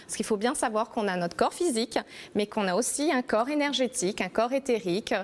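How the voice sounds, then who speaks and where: A woman's voice: fairly high pitch, animated, brisk. Hesitant woman healer from New Caledonia. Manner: hesitant, many fillers and restarts. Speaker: energy healer and massage therapist. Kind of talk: interview guest explaining her practice.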